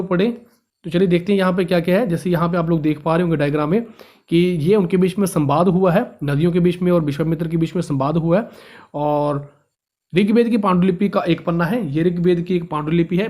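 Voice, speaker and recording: High-voiced man teaching a textbook lesson. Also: a little mellow. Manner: reads a line, then explains it in simpler words; often stumbles and restarts words. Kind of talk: reading and explaining a textbook lesson.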